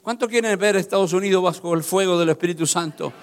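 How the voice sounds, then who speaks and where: A man preaching an impassioned sermon who moves between quiet storytelling and loud, fervent exclamations. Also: sits high, fast talker, in a large hall, a little hiss or hum. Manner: impassioned, swings from storytelling to shouting.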